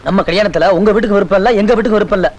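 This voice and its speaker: An actor playing a steady young village man in love, reassuring and playful in a 1980s Tamil film drama. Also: high voice, rapid-fire, slight background noise, close to an everyday voice, low-quality recording. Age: young adult. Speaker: hero, suitor.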